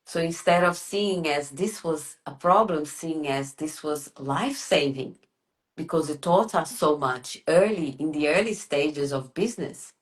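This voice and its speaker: Low-voiced woman trance channeling like a medium. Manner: formal, measured counsel addressing listener as dear one. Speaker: trance channeler leading a session. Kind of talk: spiritual trance channeling, seance medium guidance.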